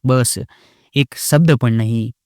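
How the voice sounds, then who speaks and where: A haughty rich young wife, as a male storyteller puts her on, her sharp, taunting voice jumping high as she scolds. She speaks at a middling pitch and sounds close and dry, with no room around her. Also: slow, dry recording, close to an everyday voice. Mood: scornful.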